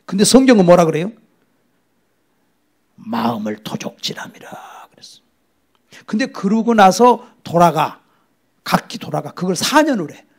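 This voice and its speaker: A man's voice: high-pitched, animated, normal speed. A middle-aged man preaching a sermon as a pastor, telling the story dramatically, acting out voices and dropping to whispers.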